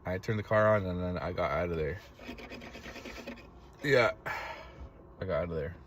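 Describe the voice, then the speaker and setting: A man chatting casually on a live stream from inside his parked car, telling a story in a relaxed way and swearing freely. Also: low-pitched, moderate pace. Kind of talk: casual live-stream chat reading comments.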